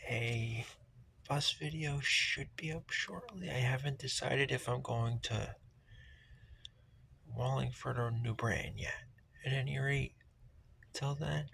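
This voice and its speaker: Raspy, gravelly man, slow-paced. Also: mid-range voice, a bit bright, a little hiss or hum. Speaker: vlogger opening a card pack. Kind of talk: casual vlog chat.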